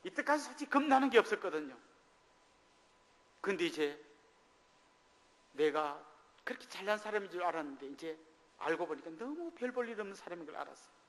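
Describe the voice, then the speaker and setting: A middle-aged man preaches from the pulpit, his fairly high voice carrying through the long reverb of a church hall. He tells a personal testimony and acts out the voices of the people in his story. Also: sing-song, a little fast, pauses often. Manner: storytelling testimony, acting out quoted dialogue. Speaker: pastor. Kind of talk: sermon. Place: church sanctuary.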